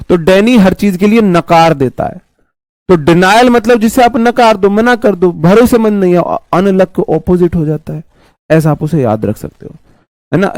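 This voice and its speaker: A man teaching an online exam-prep vocabulary class through a sore, worn-down throat. His voice sits somewhat high for a man and comes across close and dry. He chats along casually, repeating points and calling his students brother. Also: a little mellow, dry recording. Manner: chatty, repeats himself, calls students "bhai". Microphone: mic placed close.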